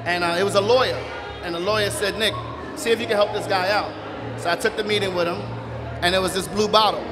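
A man from New York, a guest at a live brunch event, telling his stories in a relaxed, animated way. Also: sits high, quick pace, over music, crowd noise. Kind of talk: casual interview storytelling.

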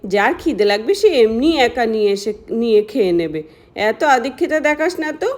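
A brisk mother who scolds her child but worries over her, voiced by a woman in her own high voice. Her talk is quick and sharp-edged. This is a homemade doll-play cartoon story. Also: lively intonation, lightly acted. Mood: scolding.

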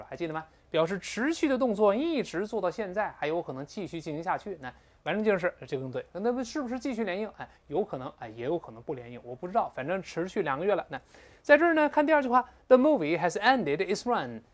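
An English teacher gives a recorded lecture walking through a textbook passage. Her voice is slightly low yet ranges freely in pitch, and she delivers it all in a lively, explanatory way, slowing sharply whenever she quotes an English phrase.

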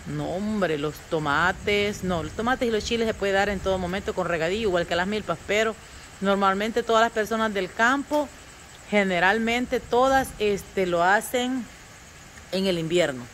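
A woman's voice: mid-range voice, moderate pace, a bit bright, a little hiss or hum. An older woman, chatting homely and rambling to her viewers from her rural yard, calling them fond pet names and searching aloud for words. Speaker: vlogger. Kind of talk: casual chat to camera. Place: rural yard and garden outdoors.

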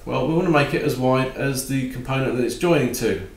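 A man giving a calm, practical woodworking tutorial while he works at a bench in his home workshop. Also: medium pitch, brisk, echoey room. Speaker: woodworking instructor.

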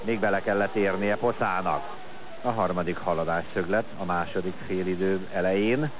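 A man giving excited live football commentary in short, clipped phrases. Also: sits low. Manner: excited at chances and goals, calling play in short clipped phrases. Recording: noisy lo-fi match broadcast.

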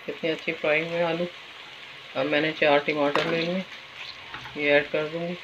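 This woman, a home cooking vlogger, explains a recipe at the stove in a low-pitched voice with little pitch movement and a moderate pace. The indoor kitchen recording is dull phone audio, dominated by loud frying, sizzling and stirring.

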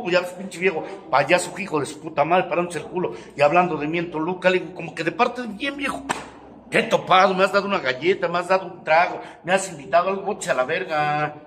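A high-voiced man with a Mexican accent tells his story to a recovery group in a crude, joking way. He swears nonstop and now and then bursts into a shout. The sound rings around an echoey meeting room. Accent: Mexican Spanish. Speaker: speaker sharing his testimony at a recovery group. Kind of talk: profane testimonial talk.

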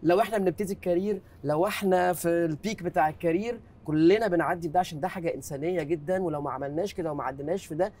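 A man's voice: on the high side, racing, few pauses, darkish tone. An Egyptian man with an Egyptian Arabic accent hosting a film interview, eager and emphatic, often affirming his guest. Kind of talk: interview conversation.

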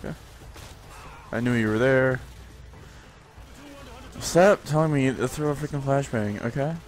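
A young man giving brash, loud commentary while playing a shooter game, talking back to the characters on screen. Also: mid-range voice, measured pace. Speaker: gamer. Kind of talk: gameplay commentary.

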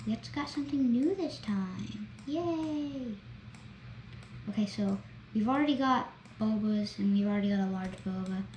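A woman talking through a video game as she plays, chatty and excitable, narrating each step. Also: mid-range voice, normal speed. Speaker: gameplay vlogger. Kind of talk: gameplay commentary. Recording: roomy echo, faint background noise.

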